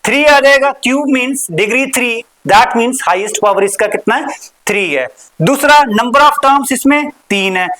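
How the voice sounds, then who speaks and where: A woman's voice: a little high, a bit bright, poor audio. Patient woman teaching maths, repeating terms. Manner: asks questions and answers them, repeats key words, mixes in English terms; slows and drags out key terms. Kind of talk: recorded classroom lesson.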